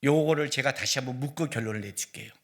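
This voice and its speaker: A middle-aged man preaching a sermon as pastor, animated and acting out dialogue, rising at times to a shout. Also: medium pitch, quick pace.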